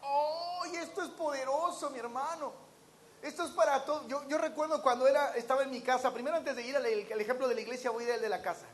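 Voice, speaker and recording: A man's voice: very high-pitched, fast, slight background noise. A man preaching a sermon to a congregation, throwing out rhetorical questions and acting out the voices of the people in his stories. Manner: acts out quoted voices of others.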